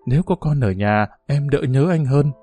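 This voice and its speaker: A man's voice: mid-range voice, normal speed, dark tone, husky, no echo, faint music behind, lightly acted. A man reading the part of a passionate young village woman, pleading and intimate in a story.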